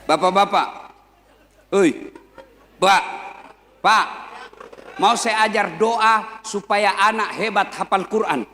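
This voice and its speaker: A male preacher, giving a lively, joking sermon and speaking directly to a live crowd. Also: high-pitched, slow, long pauses. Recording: long hall reverb.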